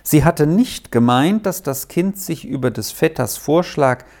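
A storybook narrator with a calm, measured delivery. The reading moves slowly, while the pitch rises and falls expressively.

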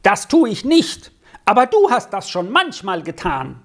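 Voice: medium pitch, very animated, slow pace, mellow, voice pushed up. A reader voicing an earnest, pious young farm boy in a German storybook reading, in a raised, eager voice. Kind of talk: audiobook character voice.

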